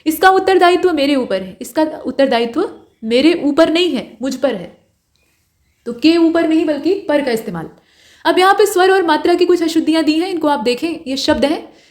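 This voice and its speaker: A woman's voice: sits high, expressive, normal speed. A woman teaching an exam-prep lesson, going through wrong and right spellings one by one in a patient, explaining manner. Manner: explains step by step, correcting each wrong form.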